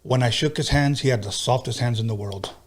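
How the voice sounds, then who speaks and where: Husky-voiced man hosting a chat. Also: medium pitch, brisk. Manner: storytelling, drops Spanish words. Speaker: podcast host. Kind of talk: casual interview chat.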